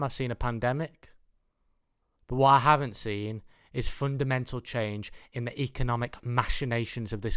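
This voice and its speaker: With a medium-pitched, slightly bright voice that's clear and resonant, a mid-twenties British man who hosts his own show works through a meandering comedic monologue with dry, mock-serious earnestness. The sound is dry and studio quality.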